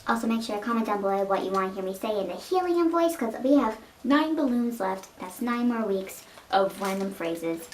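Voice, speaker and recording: A woman vlogger giving a quick, upbeat promo for her channel. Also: mid-range voice, animated. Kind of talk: channel outro plug. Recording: echoey room, far mic, faint hiss.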